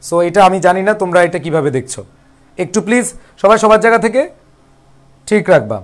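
A man's voice: high-pitched, lively intonation, fairly quick. A Bangladeshi man teaching English vocabulary in a live online class, coaxing students as brothers and drilling words over and over. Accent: Bangladeshi Bengali.

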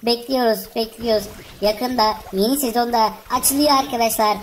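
Excitable woman cheering on a game. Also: on the high side, moderate pace, slight background noise, rough recording. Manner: cheers on game characters, chatty, addresses viewers. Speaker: gaming channel host. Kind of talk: excited let's-play commentary.

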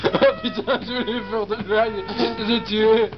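Man clowning as a high-voiced crude rookie cop. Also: steady tone, measured pace, heavy background noise. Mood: goofy. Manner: crude, goofy, exclaiming. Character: foul-mouthed, clowning young male rookie policeman. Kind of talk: amateur comic parody game dub. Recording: dull lo-fi dub under loud music.

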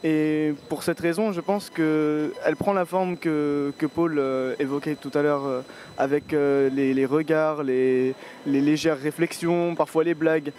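A young man in his twenties, interviewed on the street in a city square, holds a handheld mic and offers a reflective opinion, pausing often with fillers. He talks a bit slowly in a slightly high, darkish voice with fairly even intonation, over a faint hiss or hum.

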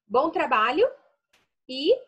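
A woman teacher with a Brazilian Portuguese accent, giving an early-literacy lesson to young children in slow, affectionate teacher talk, sounding out words syllable by syllable. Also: high voice, big pitch swings, fairly bright tone.

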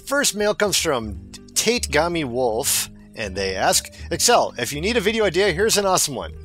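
Lively, upbeat young man hosting. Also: on the high side, normal speed, faint music behind. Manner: playful, laughs often. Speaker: host reading viewer mail. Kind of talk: casual group chat.

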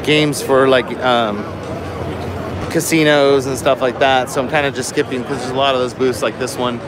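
A man hosting a live walkthrough vlog, chatty and easily excited, commenting as he walks a big busy expo floor. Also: mid-range voice, moderate pace, loud music behind the voice, a loud crowd. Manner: excitable, chatty, lots of "so" and "cool". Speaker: vlog host.

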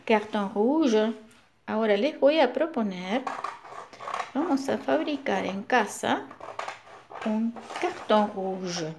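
Animated woman reading to small children. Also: fairly high pitch, noisy background. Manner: slow, animated, sing-song storytelling. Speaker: teacher reading to young children. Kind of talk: read-aloud children's story.

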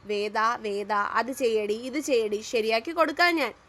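A woman's voice: a little high, lively intonation, unhurried, fairly bright tone, pitched below the performer's own voice. A woman voicing a sulky, cheeky young wife in an audio story, with pouty, sarcastic remarks.

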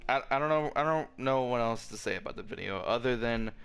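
A man's voice: mid-range voice, lively intonation, a little fast, a bit bright, clean tone. A man delivering a frustrated, profane rant about a video game, stumbling and restarting often, his voice cracking. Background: faint background music.

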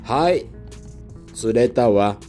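A man talking casually while fishing outdoors from a lakeside pier, speaking in a soft, feminine manner, picked up by a worn action camera. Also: medium pitch, animated, extremely slow, faint music behind. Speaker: fishing vlogger.

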